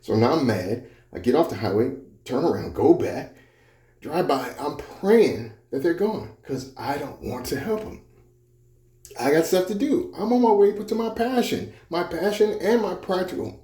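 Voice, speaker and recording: A man tells personal stories in a motivational talk, his voice a little high for a man yet mellow in tone. He speaks conversationally and circles back to repeat key phrases. The sound rings around an echoey room. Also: sing-song, a little slow. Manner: conversational, repetitive storytelling with restarts.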